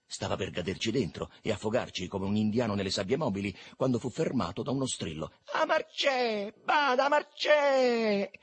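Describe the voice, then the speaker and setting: A man reading a literary novel aloud in a lively, expressive way. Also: fairly low pitch, quick pace, few pauses, a little hiss or hum. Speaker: reader.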